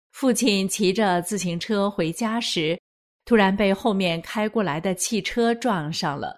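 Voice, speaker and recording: An older woman narrating a family story in a calm, even, scripted reading. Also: medium pitch. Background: faint music.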